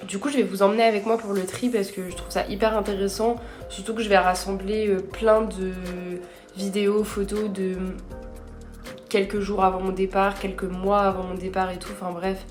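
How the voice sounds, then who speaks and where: A young woman chats casually into her phone camera, rambling a little and making fun of herself. Her voice is mellow and relaxed, with faint music playing softly behind her. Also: mid-range voice, normal speed. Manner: chatty, self-deprecating, rambling. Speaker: vlogger. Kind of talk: casual vlog chat.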